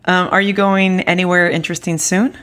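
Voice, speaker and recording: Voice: medium pitch, flat delivery, fairly quick, a bit bright, slight background noise. A podcast host interviewing a guest, with short agreeing replies and easy laughs. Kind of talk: casual interview chat.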